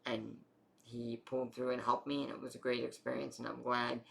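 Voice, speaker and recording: Young man, heavy vocal fry, loose rambling storyteller with lots of fillers. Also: medium pitch, level tone, brisk, a bit bright. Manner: rambling, full of fillers and swearing. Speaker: vlogger telling his health story. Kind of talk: casual personal storytelling.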